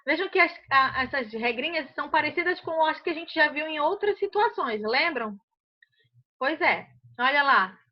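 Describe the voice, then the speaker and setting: High-voiced patient teacher woman, muffled audio. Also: expressive, normal speed. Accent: Brazilian Portuguese. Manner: patient, checks understanding often. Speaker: English teacher. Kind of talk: online class explanation.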